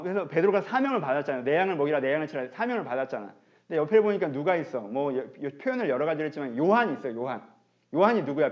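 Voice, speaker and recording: Male pastor preaching chatty and animated, high lively voice, muffled online stream sound. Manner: animated, chatty, addresses the congregation directly. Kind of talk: conversational sermon.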